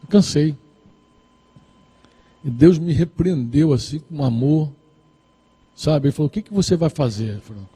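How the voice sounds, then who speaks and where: Pastor guy preaching, high voice, long echo in a church hall. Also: lively intonation, normal speed, mellow, slightly rough. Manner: exhorting, repetitive, acts out dialogues. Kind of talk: sermon.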